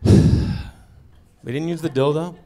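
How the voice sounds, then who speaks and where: A man doing a stand-up comedy set on stage, telling a story with lively delivery and acting out the voices of the people in it. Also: on the high side, takes it slowly. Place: comedy club stage before a live audience.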